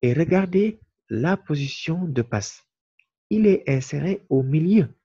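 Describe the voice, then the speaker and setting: Male teacher, unhurried and patient, repeats each key word; slightly raspy voice. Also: on the high side, animated, mellow. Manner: slow and deliberate, repeats key words. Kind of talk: explaining lesson to viewers. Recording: muffled lo-fi recording.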